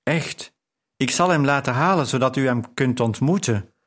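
A man's voice: medium pitch, moderate pace, fairly bright tone, lightly acted. A male audiobook reader voicing an emotional young woman, a devoted daughter, in an earnest, tender way. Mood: warm. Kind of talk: audiobook character reading.

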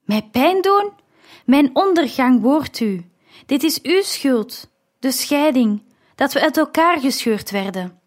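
A woman's voice: sits high, lively intonation, slow pace, voice pushed up. Een vrouw die in een luisterboek een bittere, woedende jonge man speelt die zijn vader uitschreeuwt. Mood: furious. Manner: shouting, harsh. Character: young man, bitter, furious, cold.

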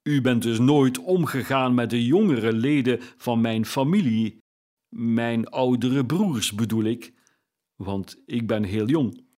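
A man's voice: medium pitch, takes it slowly, mellow, close to an everyday voice. A man voicing a cheerful, open-hearted young Christmas spirit in a storybook reading.

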